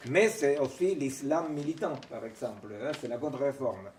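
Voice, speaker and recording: A man's voice: mid-range voice, expressive, normal speed, darkish tone, a little hiss or hum. A man giving an informal academic seminar lecture. He wanders between points, stops often with hesitations and restarts, and keeps checking in with his listeners. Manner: digressive, keeps checking in with "vous voyez", "non?", "hein". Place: seminar room. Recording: echoey room, mic far from speaker.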